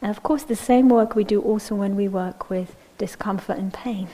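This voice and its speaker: With poor audio and a medium-pitched voice, a female meditation teacher gives a calm, unhurried dharma talk. She regularly checks in with "yeah?" and occasionally drops her voice to almost a whisper.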